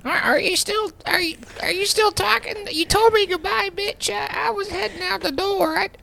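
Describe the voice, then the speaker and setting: A woman playing a frail, weary, hesitant female patient in a comedy skit, stammering in a high creaky voice. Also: moderate pace, pushed and bright, a little hiss or hum, heavily acted. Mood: exasperated, reluctant.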